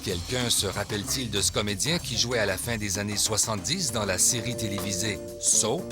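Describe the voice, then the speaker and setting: A man narrating a television news report in a measured, even voice. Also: lowish voice. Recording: voice-over with music behind. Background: music.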